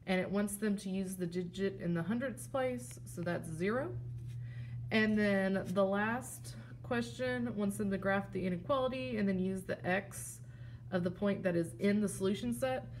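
A woman teacher demonstrates a classroom game's props while plainly explaining how it works, step by step. She has a mid-range voice, and there's a little hiss or hum.

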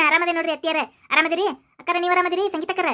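A woman's voice: very high-pitched, flat delivery, quick pace, sharp tone. A woman doing a cheery young cartoon daughter with a North Karnataka accent. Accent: North Karnataka Kannada. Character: cheerful young married daughter visiting home.

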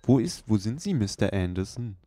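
A man putting on the voice of a menacing, coldly formal male agent from a film, in drawn-out, mock-sinister address. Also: fairly low pitch, sing-song, warm tone, soft background music. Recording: clear background hiss.

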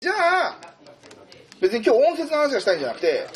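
A man's voice: extremely high pitch, huge pitch swings, quick pace, background noise. A man tutoring in a casual, chatty way, thinking aloud as he explains. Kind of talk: casual whiteboard lesson.

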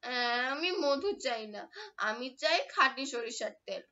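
A woman's voice: on the high side, expressive, measured pace, sharp tone, dull audio. A woman voicing a stubborn little child who whines and insists, in a children's storybook reading. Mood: whiny. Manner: whiny, insistent.

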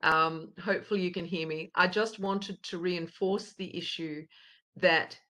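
A woman with a notably low voice addresses a conference remotely over a video call. She speaks in a measured, earnest manner, pausing now and then with a small "uh". Her tone stays formal and steady. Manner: measured, earnest, with occasional "uh" hesitations.

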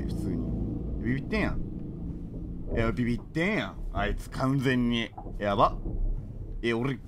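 A man streaming a horror game, reacting with excitable, jumpy outbursts and rapid joking asides. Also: fairly low pitch, heavy background noise. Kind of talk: live horror game commentary.

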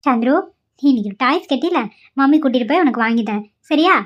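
A woman's voice: high voice, animated, fast, muffled recording. A woman voicing a worried young mother in a cartoon, anxious and fretful about her son.

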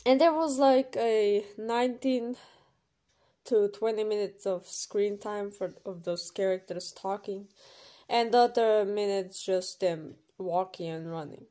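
A woman with a medium-pitched, mellow voice, speaking a little slowly, reads an informal scripted explainer voice-over laid out as numbered rules. She sounds emphatic and instructional, like a creator running an audition.

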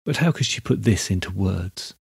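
Man with a gravelly reading voice. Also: deep voice, expressive, moderate pace, no room sound, clean studio sound. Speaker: podcast host reading a story. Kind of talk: storybook narration.

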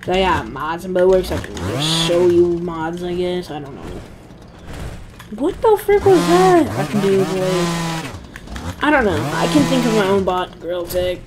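A woman giving casual, excitable, slang-heavy commentary while playing a game, talking into a headset. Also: lowish voice, background noise. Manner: excitable, slangy, quick exclamations. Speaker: gaming channel host. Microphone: gaming headset.

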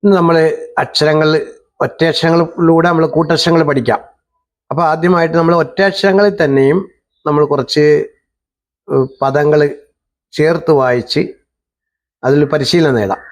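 A man leads a reading lesson, his voice a little higher than most. He says words slowly and deliberately, then pauses for a student to repeat them back. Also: steady tone. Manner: slow drawn-out recitation of words for repeating. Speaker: Quran reading teacher. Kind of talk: patient call-and-response lesson.

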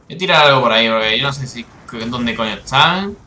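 A man with a Spain Spanish accent giving excitable, swearing live commentary over his own gameplay, with bursts of frustration. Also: medium pitch, fairly quick, roomy sound, a little hiss or hum. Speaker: gaming YouTuber.

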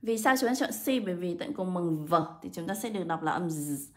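A woman English teacher, walking students through exam answers step by step and slowing down to read English words aloud. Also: lowish voice, animated. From Vietnam. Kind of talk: exam answer walkthrough lesson.

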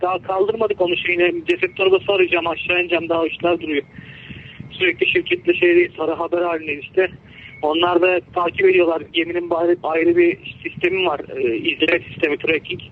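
An injured man on a ship's crew talks haltingly over a two-way radio, repeating himself. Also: sits high, flat delivery. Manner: speaking over a walkie-talkie radio link. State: injured, with an aching head. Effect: two-way radio transmission. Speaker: ship crew member at sea. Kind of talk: tense real radio conversation. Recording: narrow tinny radio link, faint noise.

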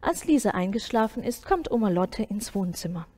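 Woman, Sunday school storyteller, children's story, breathy, soft, near-whispered passages. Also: mid-range voice, sing-song, normal speed. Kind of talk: reading a children's story aloud.

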